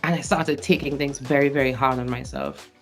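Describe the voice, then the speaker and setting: In a mid-range voice with a fairly bright tone, a late-twenties stage actor and singer from Trinidad and Tobago talks a little fast about his experiences. The interview is casual, soft music plays in the background, and he laughs often between phrases.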